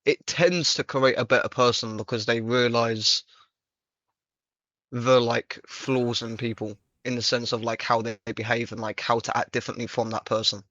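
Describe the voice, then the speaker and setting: A man's voice: medium pitch, level tone, normal speed, bright, forceful tone, dry recording. A young man hosting a casual chat, talking earnestly and reflectively with casual slang. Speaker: podcast host. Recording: dull, dry lo-fi mic.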